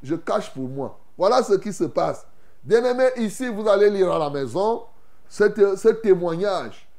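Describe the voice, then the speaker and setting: A man preaching a sermon, retelling Bible scenes in an animated way with folksy asides to the congregation. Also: sits high, measured pace. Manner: animated, acts out Bible scenes with loud outbursts.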